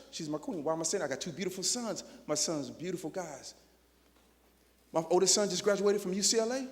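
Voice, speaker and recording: A middle-aged man with a high voice speaks in a preacher-like style at a motivational keynote. He swings from quiet, drawn-out asides to shouted appeals. His words ring out with a long reverb across a large hall.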